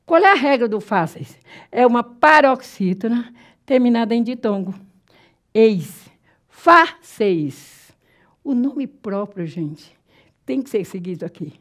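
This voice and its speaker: Fairly high-voiced Brazilian woman teaching grammar. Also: expressive. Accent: Brazilian Portuguese. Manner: explanatory, often checks understanding with the class; drawn-out, slow spelling of example words. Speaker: Portuguese teacher. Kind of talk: classroom lecture at a whiteboard.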